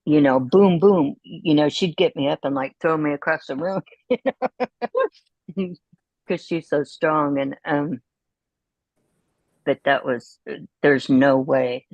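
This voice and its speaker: A middle-aged woman talks as a guest on a video call, with a low voice and a dry, close sound. She tells her stories in a chatty way and laughs often. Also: slow, pauses often, a little mellow, no room sound, dull audio. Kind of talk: casual chat.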